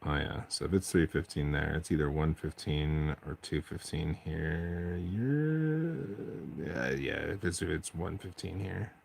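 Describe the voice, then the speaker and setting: Deep, gravelly-voiced man chatting. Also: fairly even intonation, moderate pace, few pauses, a little hiss or hum. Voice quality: deep bass voice. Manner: rambling, self-interrupting, chatty. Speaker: streamer painting miniatures. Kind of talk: casual late-night stream chat. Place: at home at night, family asleep.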